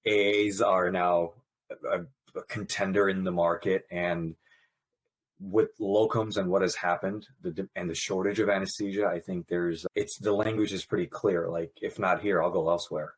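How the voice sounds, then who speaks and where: Born in Pakistan and raised in Brooklyn, New York, a man in his thirties who works as a nurse anesthetist appears as a podcast guest. He speaks candidly in his interview, telling stories animatedly with quick laughs. His voice sits low and sounds husky.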